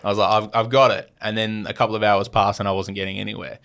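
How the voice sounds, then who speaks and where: A man's voice: fairly low pitch, little pitch movement, fast talker, vocal fry, fairly bright tone. A young Australian man, a podcast guest, telling a travel story in a rambling way, with many fillers and restarts and acted-out quotes. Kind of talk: casual storytelling.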